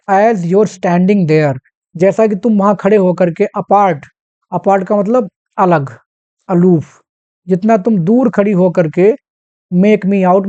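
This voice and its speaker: A literature teacher with a mellow, soft-edged voice works through a poem line by line. Each English verse line is read out slowly and deliberately before being explained in Hindi sprinkled with English. The recording sounds dull and muffled, with a dry, close sound. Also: mid-range voice, dry recording.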